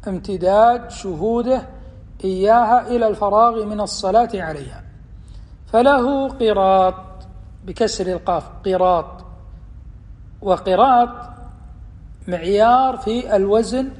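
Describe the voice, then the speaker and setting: A man giving a religious lesson, explaining hadith in a measured, deliberate way and slowing down for quotations. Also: sits high, darkish tone. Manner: measured, deliberate explanation with slow quoted passages. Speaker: Islamic teacher. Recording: long hall reverb.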